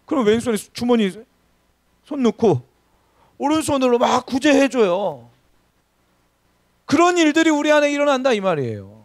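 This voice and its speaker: A man's voice: very high voice, very animated, normal speed, long pauses, no echo, clean studio sound. A man in his thirties preaching a sermon as pastor in a church service, telling funny stories and asking the congregation questions. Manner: engaging, asks the congregation questions, humorous storytelling.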